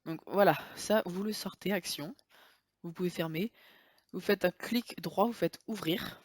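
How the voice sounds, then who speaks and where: A woman's voice: fairly low pitch, a little slow. A woman talking through a screen-recording tutorial in a casual, chatty way, often hesitating and correcting herself. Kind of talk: casual software tutorial walkthrough.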